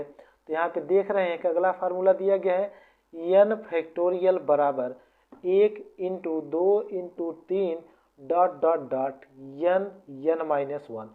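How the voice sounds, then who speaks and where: A maths teacher patiently explaining formulas step by step, often repeating points. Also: medium pitch. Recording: tinny phone-like sound.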